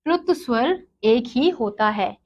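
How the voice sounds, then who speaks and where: A woman's voice: a little high, lively intonation, highs cut off. A woman teaching a grammar lesson, asking questions and answering them herself. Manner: slow, asks and answers her own questions.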